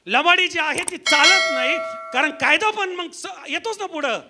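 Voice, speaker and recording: A man's voice: very high-pitched, lively intonation, normal speed, over loud music. A male pastor preaching a sermon to a church congregation, leading call-and-response and firing rhetorical questions with emphasis.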